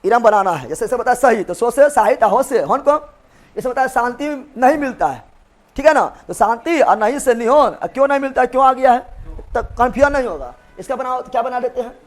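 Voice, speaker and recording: A man's voice: extremely high pitch, expressive, brisk. A man teaching a live online revision class, joking and quizzing his students with memory tricks. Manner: playful, joking, repeats questions to students. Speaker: exam coaching teacher.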